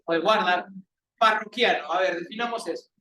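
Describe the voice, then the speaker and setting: A man's voice: high voice, brisk, pushed and bright. A male teacher with a Peruvian accent, teasing and joking with his students during a classroom lecture. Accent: Peruvian Spanish. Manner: playful, teasing banter with students. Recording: echoey classroom recorded from a distance.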